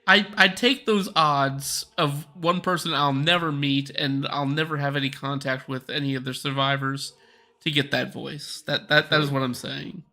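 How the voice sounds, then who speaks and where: A man streaming a game live, chatting excitedly and stumbling over repeated words. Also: fairly high pitch, normal speed. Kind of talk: casual chat.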